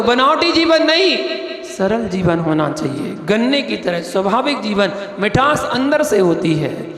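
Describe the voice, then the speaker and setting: A man, a Jain monk, delivering a sermon through lively storytelling and rhetorical questions to his listeners. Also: extremely high pitch. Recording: echoey hall with long reverb.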